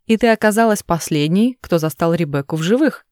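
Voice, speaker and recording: A woman's voice: fairly low pitch, animated, fairly quick, a little mellow, dry recording, natural voice. A woman reading the lines of an angry, controlling young man who snaps and defends himself, in a dry voice. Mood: angry defensive. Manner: snapping, defensive.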